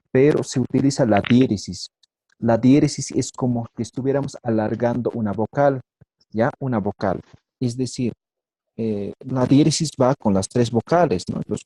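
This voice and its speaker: A man's voice: mid-range voice, warm tone, slightly rough, dry recording. Patient man teaching on a video call. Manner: patient, checks in with "¿ya?" and "¿sí?" constantly; models sounds by repeating syllables slowly. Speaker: language teacher. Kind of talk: online language class.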